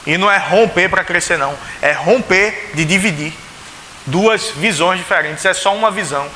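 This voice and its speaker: A man's voice: high-pitched, normal speed, bright, forceful tone. A male pastor with a Pernambuco Brazilian accent preaching a sermon in a church, chatty and full of rhetorical questions, acting out the voices he quotes. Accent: Pernambuco Brazilian Portuguese. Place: church sanctuary. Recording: echoey church hall, faint hiss.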